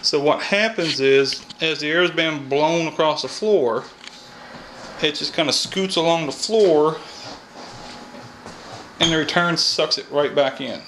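A Kentucky-accented HVAC technician in his thirties gives a casual explanation of heating and air repair, outdoors near an AC unit and then inside a house. His fairly high, slightly bright voice is a little slow with long pauses, recorded on a camera mic with poor audio and slight background noise. He's folksy, reasons aloud, and frequently says "all right."

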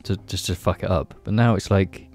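A man's voice: low-pitched, steady tone, fairly quick, creaky, darkish tone. A man in his twenties chatting casually on a podcast, rambling and repeating himself as if whiskey-drunk. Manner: tipsy, rambling drunk talk with repeated phrases. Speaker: podcast co-host. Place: small padded attic room. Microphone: podcast mic on boom arm.

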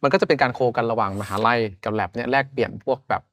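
A man's voice: mid-range voice, racing, fairly bright tone, slight background noise. A man from Thailand in his thirties, a podcast guest chatting casually in loose, slangy talk. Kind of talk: casual chat.

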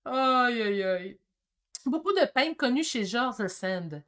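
An energetic woman in her fifties with a Québécois French accent, hosting a casual painting livestream. Her voice sits a little high, and she talks in eager bursts that swing between loud and soft. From Quebec. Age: 50s. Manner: excitable and chatty, quick shifts in energy. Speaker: painting channel host. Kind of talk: casual livestream chat reading comments.

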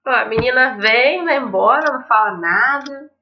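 This young adult gaming host, who has a Brazilian accent, reads lines from a visual novel and chats casually while facing her webcam at home. She speaks at a moderate pace in a fairly high voice with lively intonation, over game music, slight background noise and a muffled lo-fi mic.

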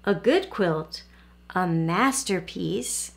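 A woman voicing an elderly grandmother who quilts, speaking in a slow, folksy dialect. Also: fairly low pitch, animated, creaky, heavily acted. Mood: fond.

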